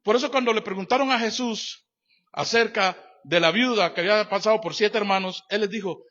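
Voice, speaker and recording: A pastor with a high voice preaches a sermon a little fast, emphatic and repetitive, shifting between loud declarations and quiet asides. He addresses the congregation directly with rhetorical questions, on a dull lo-fi church recording.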